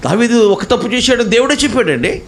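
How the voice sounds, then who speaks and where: A man's voice: very high-pitched, animated, fast, a little hiss or hum. A man preaching a sermon as a pastor, asking rhetorical questions and acting out people's prayers. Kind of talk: Telugu sermon. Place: church.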